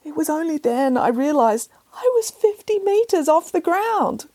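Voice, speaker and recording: Woman reading squeaky whiny tabby cat, stubborn, wailing, high-pitched, storybook. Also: very animated, unhurried, mellow. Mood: plaintive.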